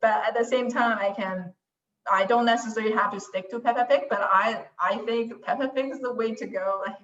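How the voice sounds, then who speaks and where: A fairly high-pitched, somewhat bright woman speaks briskly with fairly even intonation. As a guest who created a language website and whose first language is Mandarin, she chats casually and self-deprecatingly, often restarting sentences, in a distant, roomy, dull lo-fi recording.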